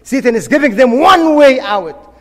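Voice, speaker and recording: A man's voice: very high voice, expressive, normal speed, a bit bright, long reverb tail. A middle-aged man from Egypt, preaching a sermon in an impassioned, emphatic way and repeating key phrases.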